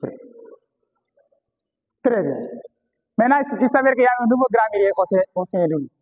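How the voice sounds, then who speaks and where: A male teacher with a Senegalese French accent lectures a class in a fairly high voice. He repeats key terms and puts questions to the students. The sound carries a long reverb. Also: sing-song, fairly quick. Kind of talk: classroom lecture on historical phonetics.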